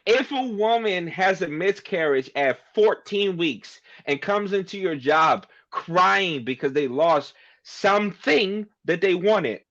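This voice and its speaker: A man's voice: high voice, lively intonation, takes it slowly, few pauses, a bit bright, dull audio. Emphatic man arguing on a podcast. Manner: argumentative, emphatic, makes a point at length. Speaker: podcast co-host. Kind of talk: casual debate.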